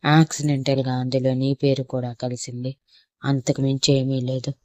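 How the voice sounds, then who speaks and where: Bitter angry young mom snapping at her ex, flat even delivery, dry close sound read by a woman. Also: rumbling low, normal speed, dry recording, muffled recording. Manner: sharp, scolding.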